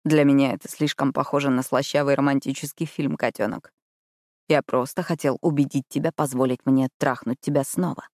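Woman reading a brooding ex-convict man, dark dry growl, low-pitched, close dry recording, audiobook. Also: steady tone, moderate pace, dry recording. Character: brooding dangerous man, gruff ex-convict lover.

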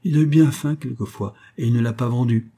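A man's voice: mid-range voice, brisk, dark tone, natural voice. A man voicing a poor, devoted old woman who pleads anxiously, for an audiobook. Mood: pleading.

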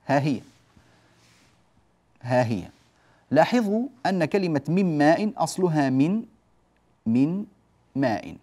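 Guy teaching tajweed, fairly high voice, keeps asking the class if they follow, drags out the example words. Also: darkish tone. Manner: explains step by step and often asks the class "جيد؟"; stretches out example words slowly. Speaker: Quran recitation teacher. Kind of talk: classroom lesson on tajweed rules.

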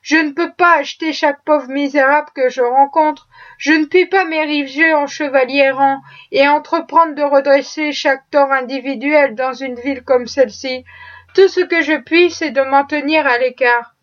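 A woman reading the lines of a weary, cynical gentleman with slow, world-weary reasoning. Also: high voice, fairly even intonation, lo-fi sound, lightly acted. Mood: resigned.

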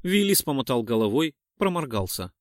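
A male narrator reading a first-person adventure with a lively, wide-ranging pitch that rises and falls with the action. He sits close to the mic in a dry, dead booth, and nothing is heard behind him. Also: moderate pace, no room sound. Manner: expressive, dramatic telling. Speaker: audiobook narrator.

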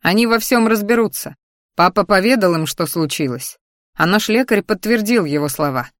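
A woman's voice: mid-range voice, expressive, moderate pace, no echo, clean studio sound, natural voice. A woman reading the part of a nervous, earnest young man who is courting the heroine in a storybook.

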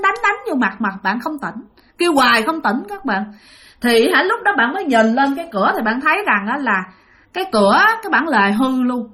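A woman's voice: on the high side, sharp tone. A woman telling a ghost story dramatically, speaking directly to her listeners. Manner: dramatic, addresses listeners directly, many exclamations.

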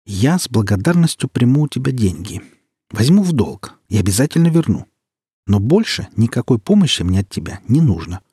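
Man reading as a proud young woman, raised voice, clipped and firm, husky edge, dry close sound. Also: medium pitch, sing-song, a little fast, dark tone, no room sound. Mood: cold, commanding. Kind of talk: audiobook character reading.

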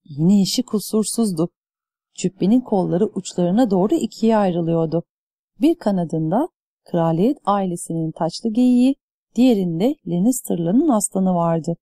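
Warm-voiced woman narrating an audiobook. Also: medium pitch, unhurried, no room sound, studio quality. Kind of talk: scripted narration.

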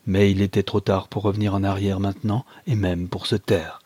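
A man narrating a classic novel in a calm, measured storytelling manner. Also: sits low, breathy edge, no room sound. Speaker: audiobook reader.

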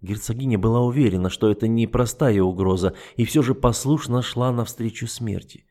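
A man reading first-person fantasy narration in a measured, even storytelling manner. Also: mid-range voice. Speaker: audiobook narrator.

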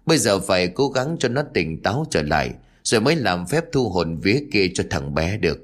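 A man voicing a stern old male village exorcist who speaks in a gruff, commanding way. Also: low-pitched, very animated, fairly quick.

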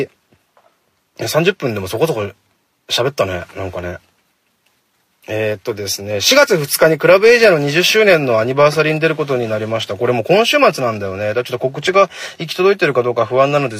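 A man hosting a casual solo talk show from inside a parked car, speaking quickly and chattily into a handheld phone and jokingly scolding his listeners. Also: medium pitch, fairly bright tone, no room sound. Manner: fast-talking, chatty, mock-scolding listeners. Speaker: radio show host. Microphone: phone held in hand.

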